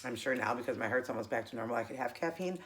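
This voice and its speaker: Low-pitched American woman with a tongue piercing. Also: a little hiss or hum. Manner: talking while eating, with pauses to chew. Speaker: host of a keto eating show. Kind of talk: casual chat to viewers while eating.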